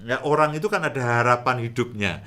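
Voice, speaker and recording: A middle-aged man hosting a relaxed talk on marriage, chatty and repeating his points with frequent chuckles. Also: mid-range voice, brisk. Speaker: host, marriage counselor.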